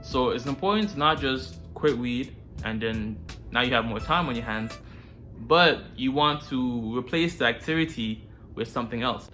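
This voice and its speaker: With a mid-range voice and a fairly bright tone, a man gives casual advice directly to the viewer as host of a self-improvement series, speaking in a slangy, informal way.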